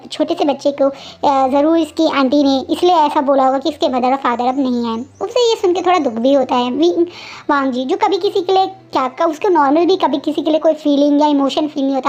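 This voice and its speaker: High-voiced woman retelling a story. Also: a little mellow. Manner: halting, with many fillers and restarts. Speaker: fanfiction narrator. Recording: dull lo-fi recording.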